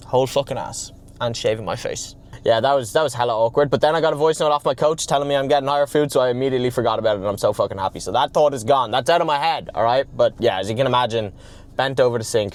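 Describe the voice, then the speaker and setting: A young man talking casually to the camera as a fitness vlogger, chatty and excitable, swearing freely. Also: medium pitch. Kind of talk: casual talk-to-camera vlog.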